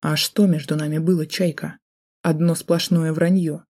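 A woman's voice: low voice, little pitch movement, normal speed, warm tone, breathy edge. A woman reading an audiobook, voicing a jealous, drunk man who holds a gun and taunts with sneering threats. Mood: menacing.

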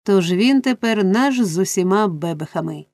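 A coarse, violent robber barks threats and schemes aloud, voiced by a woman reader. The delivery is rough but the tone stays mellow. It is a storybook reading. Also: medium pitch, expressive, moderate pace, no echo, lightly acted. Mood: scheming. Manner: gruff, threatening. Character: brutal adult male robber, rough and threatening.

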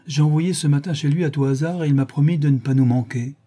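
A man voicing an old, gossipy society hostess who chides in raised, indignant exclamations, with a husky voice. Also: a little high, fast, mellow, pitched above the performer's own voice. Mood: scolding.

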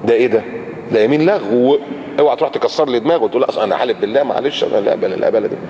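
A man with an Egyptian Arabic accent preaching a colloquial sermon, animated and acting out everyday speech. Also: mid-range voice, very fast, a little hiss or hum. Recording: muffled lecture-hall recording with long reverb.

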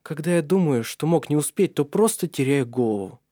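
A man's voice: a little high, animated, brisk, dark tone, no echo, clean studio sound, pitched above the performer's own voice. A man voicing an earnest, protective young nobleman in love in an audiobook.

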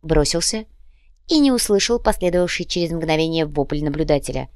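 A woman reading an audiobook in a steady, even way. Her voice sits on the low side. The recording is dry and close, with no room sound. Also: brisk, no echo. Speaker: audiobook narrator. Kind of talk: audiobook narration of urban fantasy.

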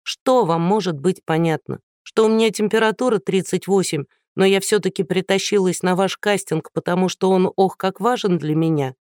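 A man reading an audiobook voices a sick, hoarse young woman singer who is indignant and close to tears. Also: high-pitched, moderate pace, hardly any pauses, a little mellow, no room sound, lightly acted.

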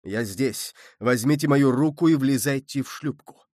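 A man voicing a noble, merciful count who speaks in a low, soft and solemn way. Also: normal speed, no echo, clean studio sound, close to an everyday voice. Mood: calm. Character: noble older male count, grave and merciful.

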